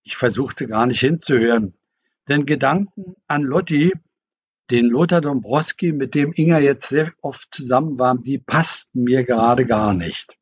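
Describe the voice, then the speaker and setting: Man, author reading, reflective, measured, husky voice, dull lo-fi recording. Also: mid-range voice. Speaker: author reading his novel. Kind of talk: book reading.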